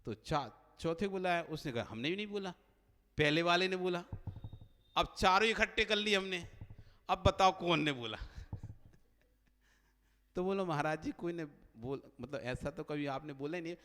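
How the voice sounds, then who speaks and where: Male monk preacher, high voice, lively storytelling sermon with acted dialogue, long hall reverb. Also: moderate pace, long pauses. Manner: animated storyteller acting out dialogue.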